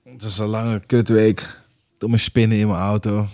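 A man co-hosting a podcast, talking in a casual, animated way, swearing and dropping English phrases. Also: fairly low pitch, a little slow. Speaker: podcast co-host. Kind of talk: casual chat.

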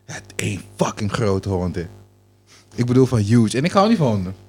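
A man co-hosting a casual podcast, telling stories in a lively way and slipping in English slang. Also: fairly low pitch, fairly quick, breathy edge, soft background music. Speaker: podcast co-host.

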